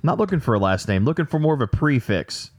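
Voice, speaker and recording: A podcast co-host acts as quizmaster for a trivia game, hosting it jokingly with dry, self-deprecating humor. He talks fast in a mid-range voice that swings widely in pitch.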